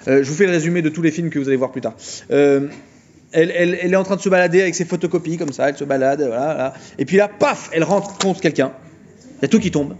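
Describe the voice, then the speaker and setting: A man giving an informal philosophy lecture, retelling a film plot with mocking, animated storytelling. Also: fairly high pitch, quick pace, muffled recording.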